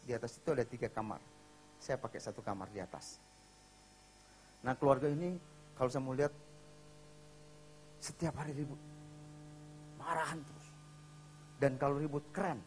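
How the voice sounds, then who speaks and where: A man's voice: mid-range voice, normal speed, long pauses, a little mellow, a little hiss or hum. A man preaching in a church, telling a story in a casual way with dramatic acted voices. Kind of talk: storytelling sermon.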